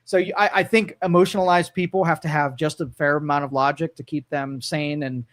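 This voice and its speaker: A man's voice: on the high side, steady tone, brisk, no room sound. Reflective middle-aged man on talk radio. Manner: reflective, thinks aloud with restarts. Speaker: podcast co-host. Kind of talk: casual live talk-radio chat.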